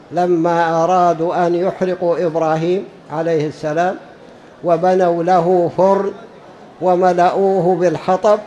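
Emphatic high-voiced male preacher. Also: a little mellow, poor audio. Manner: emphatic, repeats key phrases for stress; drawls words out when demonstrating pronunciation. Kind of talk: religious lesson.

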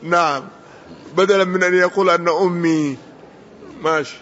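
A man teaching as a sheikh, explaining a text slowly and correcting the reader's pronunciation. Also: sits high, steady tone, a bit bright. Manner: slow, deliberate, corrects the reader. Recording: dull lo-fi sound with faint noise.

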